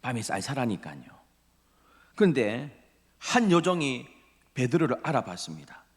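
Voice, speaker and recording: A middle-aged pastor from Busan, South Korea, speaks with a Gyeongsang (Busan) Korean accent at a medium pitch and moderate pace, his pitch swinging widely. His dramatic sermon veers from loud emphasis to breathy whispers as he acts out quoted voices, with the long reverb of a church hall sanctuary.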